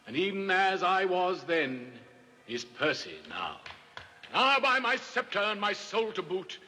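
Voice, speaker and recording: A man playing an aging, weary English king who rebukes his son, speaking Shakespearean verse in a grave, measured way from an old film soundtrack. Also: sits high, very animated, pushed and bright, big-room sound, soft background music, exaggerated voice. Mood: reproachful. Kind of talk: classical Shakespearean film acting.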